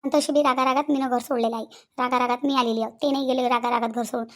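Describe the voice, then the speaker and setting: A woman's voice: high-pitched, fairly even intonation, rapid-fire, pitched below the performer's own voice, close to an everyday voice. A woman voicing a sulky, stubborn young wife. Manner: complaining, repeats herself. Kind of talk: cartoon voice acting.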